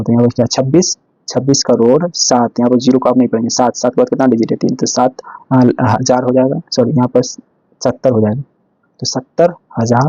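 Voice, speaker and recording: A man from India walks slowly through a math lesson, repeating each step and often restarting his sentences. His voice is mellow and stays level, with little rise or fall. The recording is dry and muffled, with a lo-fi dullness. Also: mid-range voice, slightly rough, no echo. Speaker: math teacher. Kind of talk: explaining a math exercise.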